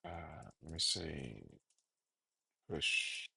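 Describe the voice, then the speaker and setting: A man with a very deep, gravelly voice talks slowly through a coding tutorial. He thinks aloud, stops and corrects himself often, and his husky tone has a bright edge. The recording is dry and close, with mouse and keyboard clicks behind him. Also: no echo. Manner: halting, thinks aloud with fillers and self-corrections. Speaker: programming tutor.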